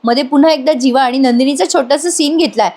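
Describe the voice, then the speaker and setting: A woman's voice: sits high, quick pace, a little mellow. A woman narrating a voice-over recap of a TV serial, chatting directly to her viewers.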